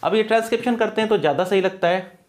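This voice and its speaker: A man's voice: high-pitched, racing. A man teaching English grammar for exam prep, mixing Hindi and English, with an Indian accent. He asks his class questions and answers them himself, and he drills pronunciation.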